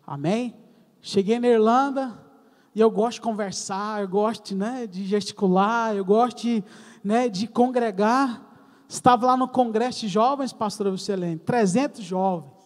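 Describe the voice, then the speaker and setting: A man's voice: high voice, normal speed. A middle-aged Brazilian man with a Brazilian accent, preaching a sermon testimony. He tells his story, calls the congregation brothers and acts out the dialogue. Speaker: church elder preaching. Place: church sanctuary. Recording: reverberant church hall.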